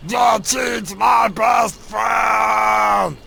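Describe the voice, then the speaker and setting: A man's voice: sits high, fairly even intonation, very slow, vocal fry, raised voice, heavy background noise, heavily acted. Bellowing, simple-minded cartoon strongman. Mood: proud bellowing. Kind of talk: cartoon game voice acting.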